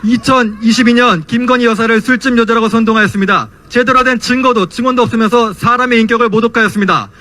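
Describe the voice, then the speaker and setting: A man's voice: very high voice, fairly even intonation, quick pace, hardly any pauses, pushed and bright. A young man delivering an impassioned political rally speech as a student speaker, in a declamatory style. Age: young adult. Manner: impassioned, declamatory rhetorical questions.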